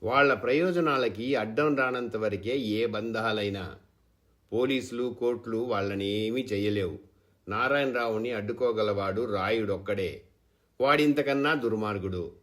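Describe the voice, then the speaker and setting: A man's voice: lowish voice, normal speed, a bit bright, natural voice. A man voicing a stubborn farmer husband who speaks with indignation and bitterness. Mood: resigned. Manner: indignant, then weary.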